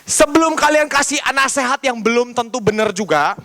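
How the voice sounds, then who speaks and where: A man's voice: very high-pitched, expressive, normal speed, bright, forceful tone. A young man giving a casual youth sermon, telling a story and acting out the dialogue in a chatty way. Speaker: youth pastor. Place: church youth service.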